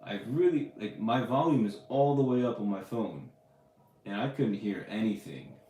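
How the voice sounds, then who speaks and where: A man's voice: on the low side, mellow. A man hosting a casual live podcast, chatting loosely with lots of fillers and restarts. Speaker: podcast host answering live questions. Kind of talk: casual livestream chat. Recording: roomy echo.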